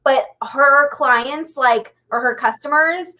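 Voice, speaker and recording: A woman's voice: sits high, takes it slowly, pushed and bright. A woman co-hosting a casual podcast chat, talking in a chatty way full of "like" fillers. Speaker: podcast co-host.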